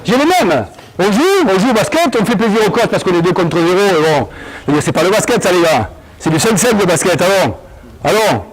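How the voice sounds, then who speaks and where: A male basketball coach running an on-court session, explaining drills and barking quick commands at players. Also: sits high, animated, rough recording.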